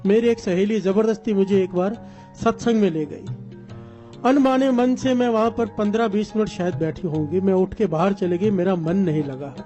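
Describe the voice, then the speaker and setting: A man's voice: high-pitched, normal speed, warm tone, soft background music. A man preaching a sermon as a story, calling on the congregation to respond.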